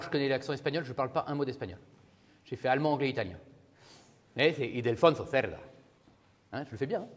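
A man lecturing as a law professor, talking casually and asking his class questions. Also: on the high side. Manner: conversational, asks the class questions. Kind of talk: university lecture. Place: lecture hall. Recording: reverberant lecture hall.

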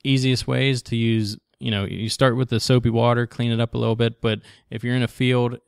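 Man, creaky yet resonant, casual instructional talk, practical, matter-of-fact, podcast co-host. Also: medium pitch, level tone, brisk, no room sound, clean studio sound. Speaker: co-host of a hunting tips podcast.

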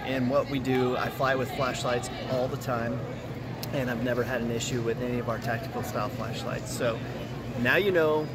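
A middle-aged man filming a casual, upbeat demo on a phone held at arm's length inside a busy airport terminal. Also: medium pitch. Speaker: company representative. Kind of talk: handheld vlog demo. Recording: loud airport crowd noise behind.

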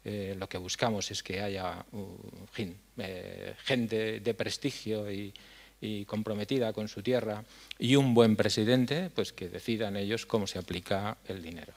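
An older man from La Mancha, head of a foundation, giving a speech on a dark stage at a stand mic, earnest and halting, with many fillers. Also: on the low side, fairly even intonation, gravelly. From La Mancha, Spain. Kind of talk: conference speech. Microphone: stand mic at a lectern.

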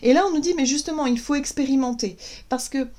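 A woman giving a casual spiritual guidance talk as a tarot and oracle reader, hesitant, full of fillers and restarts, gentle and encouraging. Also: high-pitched, fast talker.

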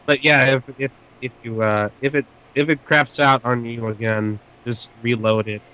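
A sick man hosting a stream, chatting with friends over a voice call. His voice is bright and forward, and he stumbles and repeats words as he tries to get a sentence out. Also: medium pitch, fairly even intonation, normal speed, highs cut off. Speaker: stream host. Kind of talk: casual voice-chat banter.

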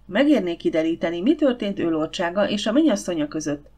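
A woman's voice: on the low side, big pitch swings, mellow. Woman reading as Mrs Bird, a blunt old housekeeper. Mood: grumbling. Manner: blunt and grumbling. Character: bossy, outspoken older female housekeeper.

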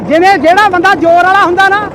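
High-voiced boisterous man teasing. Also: fast, noisy background. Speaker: comic prankster. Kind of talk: teasing village banter. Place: outdoors on a farm by tractors. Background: music.

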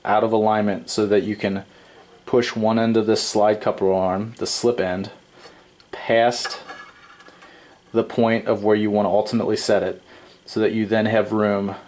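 At a wooden workbench inside his workshop, a man with a lowish voice explains a home plumbing repair one step at a time. He's a DIY presenter giving a laid-back tutorial, frequently pausing on "um" and correcting himself along the way.

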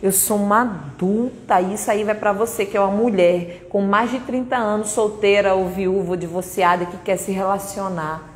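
A woman's voice: medium pitch, fairly even intonation, normal speed, few pauses. A woman in her thirties with a Brazilian accent, giving a blunt, emphatic and repetitive motivational talk at a conference. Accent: Brazilian Portuguese. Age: 30s. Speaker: conference speaker. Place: conference hall. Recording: echoey hall, faint noise.

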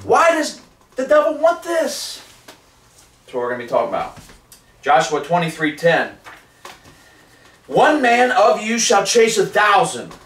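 A fervent male preacher with a rather high voice delivers a sermon in a living room. He is captured from a distance, so his voice sounds roomy and open. He reads scripture and drives his points home. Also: very animated, unhurried, long pauses, fairly bright tone. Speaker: street preacher. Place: living room with wood paneling. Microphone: far camera.

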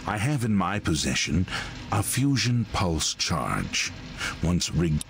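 Gravelly, oily villain recruiter. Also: male voice, low voice, big pitch swings, slow, heavily acted. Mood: silky menace. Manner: oily, theatrical, condescending. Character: suave sinister male recruiter, villainous.

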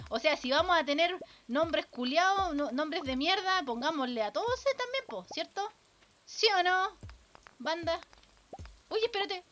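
Bright, high-voiced Chilean woman streamer. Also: lively intonation, a little slow, long pauses, a little hiss or hum. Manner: casual, swears a lot, chats with viewers. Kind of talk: live gameplay commentary.

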